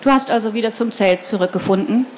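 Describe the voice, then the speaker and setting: A woman voicing a relaxed, cheerful mother on a camping holiday in a storybook reading, speaking easily and matter-of-factly. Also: on the high side, fast, slight background noise, lightly acted. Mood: easygoing.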